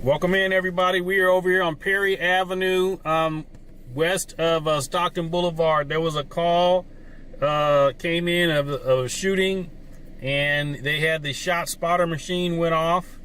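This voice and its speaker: A man's voice: fairly high pitch, fairly even intonation, normal speed, bright, forceful tone, clear, resonant tone. A man hosting a livestream, narrating live from a scene. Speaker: livestream host.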